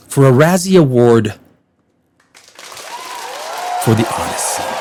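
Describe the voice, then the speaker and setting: A man hosting a blunt, sarcastic movie review, laughing often as he rants. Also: on the high side. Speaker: film critic host.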